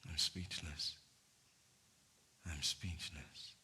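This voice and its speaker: An actor playing an ardent male poet on stage, pouring out love in hushed, intimate tones that swell to fervor. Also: extremely low pitch, fairly even intonation, extremely slow, exaggerated voice. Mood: fervent. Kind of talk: staged theatre performance.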